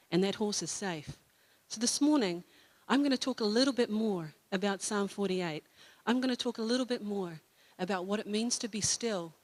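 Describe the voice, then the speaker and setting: A woman with a New Zealand accent speaks at a church service in a mid-pitched voice. She tells her story in a chatty, loose way, full of fillers and restarts, then slows down to read scripture. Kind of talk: informal sermon talk. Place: church hall.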